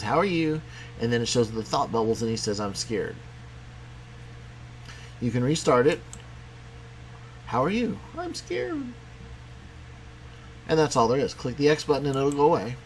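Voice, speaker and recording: A man teaching a programming lesson in a casual, conversational way, talking as he clicks through software. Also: mid-range voice, a little hiss or hum. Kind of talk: screen-recorded coding tutorial.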